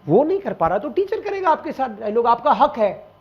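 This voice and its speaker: A man's voice: extremely high pitch, sing-song, brisk, dull audio. A man teaching a German exam class in a casual explaining style, talking straight to his students and dropping in German example sentences. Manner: mixes Hindi with German example phrases, addresses students directly.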